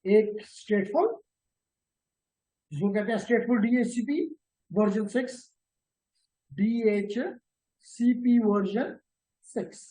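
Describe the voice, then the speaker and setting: A man's voice: high voice, slow, long pauses, mellow, low-quality recording. A man teaching a live networking class. He slips English technical terms into his explanations, repeats key terms and keeps checking whether students follow. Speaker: networking instructor.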